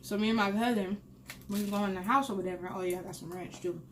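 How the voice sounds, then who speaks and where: Young woman host, casual storytelling between bites, blunt and animated, close mic with faint background hum. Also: mid-range voice, fast talker. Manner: candid and animated, swears freely, laughs at her own story. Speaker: mukbang host. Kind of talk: casual storytelling while eating.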